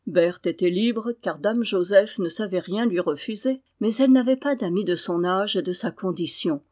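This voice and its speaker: A woman narrating a classic novel as an audiobook reader, with a measured reading that lifts into emotion in the dialogue. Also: medium pitch, darkish tone.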